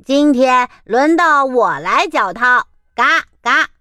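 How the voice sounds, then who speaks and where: A high, bright little storybook duck, quacking in a slow sing-song that turns whiny, as a woman puts him on. He sounds fussy and eager, with a crisp, clear tone. The recording is close and dry. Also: lively intonation, dry recording, heavily acted. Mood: scheming.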